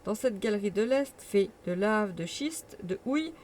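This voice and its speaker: A woman's voice: medium pitch, animated, normal speed, a little mellow, a little hiss or hum, natural voice. Stubborn old male professor, stern, insistent, obsessed explorer, read by a woman. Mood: firm.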